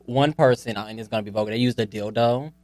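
Relaxed, wry woman co-host, dry close sound. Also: rumbling low, fast talker, no room sound. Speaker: podcast co-host. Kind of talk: casual chat.

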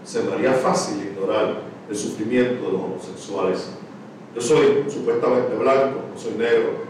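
A man preaching a sermon, swinging from shouts to hushed words. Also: medium pitch, fairly even intonation, normal speed, slight background noise. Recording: echoey, distant room mic.

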